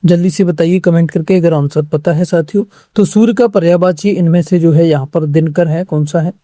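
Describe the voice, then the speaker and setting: A man teaching an online exam-prep lesson who repeats every question and answer as a drill and keeps urging viewers to answer quickly. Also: fairly high pitch, steady tone, dark tone, no echo.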